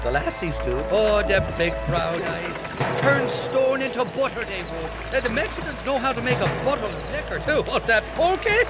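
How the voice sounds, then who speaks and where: An actor playing a roguish, boastful Irish drifter in a Western video game, with an Irish accent and a colourful, theatrical way of talking. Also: male voice, high-pitched, sing-song, moderate pace. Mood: boastful, wistful. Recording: loud music and game sounds behind.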